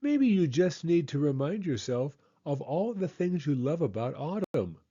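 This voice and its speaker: A man's voice: a little high, very animated, a little slow, husky, dull audio, full character voice. A man voicing a kind, encouraging mother cat in a children's storybook. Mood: suggesting. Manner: gentle, encouraging.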